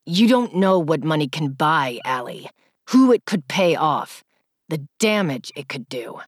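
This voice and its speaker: A woman's voice: low voice, sing-song, unhurried, no room sound, clean studio sound, voice pushed down, full character voice. A woman voicing an angry young man who sneers and talks through clenched teeth. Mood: low, threatening.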